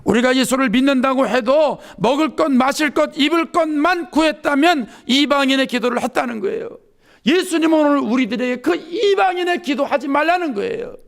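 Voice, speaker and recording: A man's voice: very high-pitched, gravelly. A pastor giving a sermon in an earnest, conversational way, acting out sample prayers as he goes. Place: church sanctuary.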